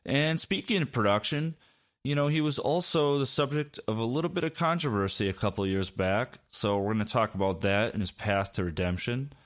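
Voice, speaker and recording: Hosting a podcast, this man interviews his guest in a medium-pitched voice at a fairly quick pace. The chat is casual, and he stays loose and relaxed, leaning on fillers.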